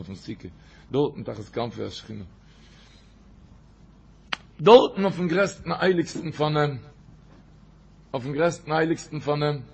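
A man, a rabbi, giving a Torah talk, who repeats his phrases and recites Hebrew quotes in a quick chant. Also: on the high side, gravelly, slightly rough. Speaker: rabbi teaching.

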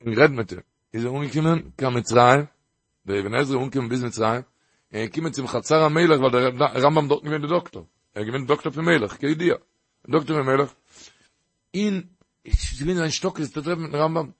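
A man giving a Torah lecture, telling a story in an animated way with frequent emphatic bursts. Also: mid-range voice, fairly quick, no room sound. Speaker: Torah teacher.

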